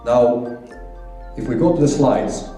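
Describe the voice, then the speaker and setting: In a large conference hall, a man from Finland presents business results with emphasis, hammering his numbers home through repetition. The voice is mid-range, slow, mellow and dark, captured from afar amid heavy echo and soft background music.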